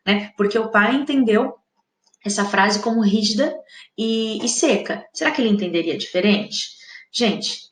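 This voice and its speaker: A woman's voice: mid-range voice, reverberant. A woman teaching an exam-prep lesson with a Brazilian Portuguese accent, explaining patiently and often checking in with the viewer.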